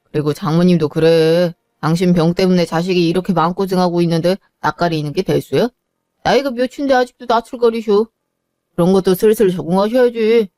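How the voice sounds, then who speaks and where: Woman voicing a cold selfish husband, curt, dismissive, mellow dry voice. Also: lowish voice, no echo, voice pushed down, lightly acted. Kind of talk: narrated drama voice acting.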